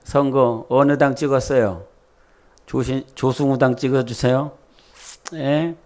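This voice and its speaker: A man's voice: mid-range voice, steady tone, a little slow, a little mellow. A man from preaching a sermon, talking casually and quizzing the congregation with questions. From Jeolla, South Korea. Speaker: pastor.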